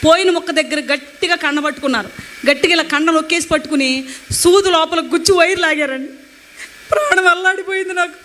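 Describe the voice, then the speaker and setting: A woman telling her testimony at a rapid clip, her voice high and bright. She retells events emotionally and acts out what others said. Faint noise sits under her voice. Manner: emotional, animated retelling with acted quotes. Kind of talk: personal testimony storytelling.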